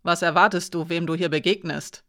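A woman reading a proud, prickly young female servant with a sharp, indignant manner in an audiobook. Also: lowish voice, fairly even intonation, fairly quick. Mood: snappish.

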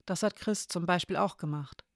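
A frank adult partner who talks plainly and tenderly, as a storyteller reads the lines. The voice is gravelly and sits in a middle register. The sound is close and dry. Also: mid-range voice, moderate pace, fairly bright tone, dry recording, close to an everyday voice. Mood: candid.

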